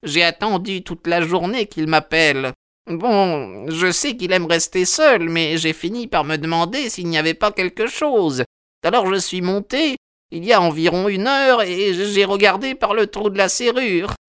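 A man voicing an old, anxious female housekeeper in a high, shaky falsetto for an audiobook. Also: lively intonation, unhurried, a bit bright, clear, resonant tone. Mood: worried. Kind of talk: audiobook character voice.

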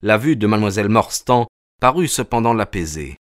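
A man narrating a novel as an audiobook in a measured, literary way. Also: fairly low pitch, animated, dry recording, clean studio sound.

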